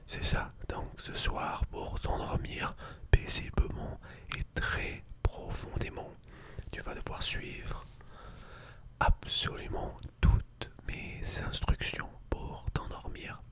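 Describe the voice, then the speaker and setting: Slow, close-up ASMR whisper right in your ear. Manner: slow, soothing, giving gentle instructions. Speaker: ASMR video host. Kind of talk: whispered ASMR video, talking to the listener.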